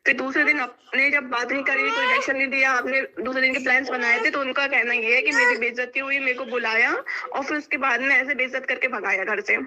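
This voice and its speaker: A woman's voice: sits high, steady tone, fairly quick, background noise. A woman on a phone call, speaking defensively and pleading to explain herself. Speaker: caller in a quarrel.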